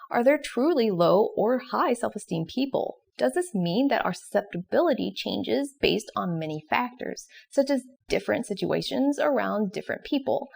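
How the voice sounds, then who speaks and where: This woman presents educational psychology videos, giving scripted explanatory narration broken up by casual asides. Her voice is animated, creaky and a little high, and her delivery is expressive and questioning.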